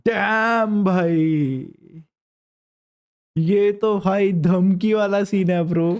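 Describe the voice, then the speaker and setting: A young man streaming live and reacting excitedly, in quick Hindi-English banter. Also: sits high, clean tone. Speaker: streamer reacting to a diss track. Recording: rap music playing behind.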